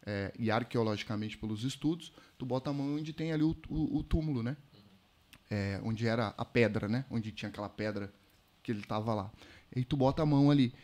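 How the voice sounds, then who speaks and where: A man, a podcast guest telling a personal story in a slangy, animated way. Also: mid-range voice, brisk. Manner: animated storyteller, slangy, calls listeners "mano". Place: podcast studio.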